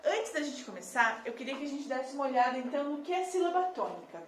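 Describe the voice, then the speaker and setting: Woman teacher, high voice, far from the mic in a roomy space; patient, drawn-out stressed words. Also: animated, slight background noise. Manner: patient, stretches words out slowly to stress syllables. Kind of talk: classroom lesson at a whiteboard. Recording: echoey room from a distance.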